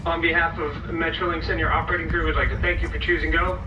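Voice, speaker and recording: A man's voice: level tone, fast talker, recorded from a distance. Polite man on a train PA. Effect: over a train's PA system. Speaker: customer service ambassador. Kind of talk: onboard announcements. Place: commuter train carriage. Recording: echoey, muffled PA speaker. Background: loud rumbling train noise.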